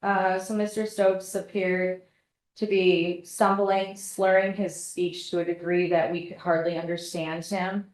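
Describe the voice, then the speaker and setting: A woman gives testimony in a courtroom recording, polite and measured in her answers. Her voice sits a little low with a flat, even delivery, and the room adds a clear echo. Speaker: paramedic witness testifying. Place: courtroom witness stand. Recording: echoey courtroom audio.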